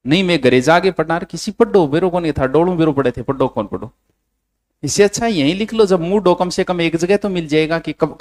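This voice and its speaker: A man's voice: fairly high pitch, darkish tone. A man with a Rajasthani accent teaching a coaching class, dictating notes and bluntly scolding his students.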